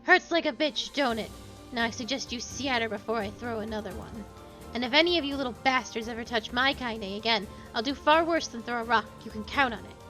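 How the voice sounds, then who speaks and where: Woman doing a scrappy vulgar old granny, blunt, higher than her own voice. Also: moderate pace, a bit bright, soft background music. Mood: snarling. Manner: coarse, blunt, snarling threats. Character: fierce, vulgar old grandmother, small but tough.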